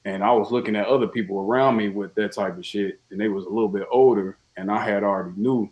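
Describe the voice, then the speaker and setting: A man's voice: on the low side, fairly even intonation, fast, a little mellow. A young man from Chicago's South Side with a Chicago accent, chatting casually and profanely as a podcast guest. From Chicago, USA. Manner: laid-back, profane, repeats himself. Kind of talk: casual chat.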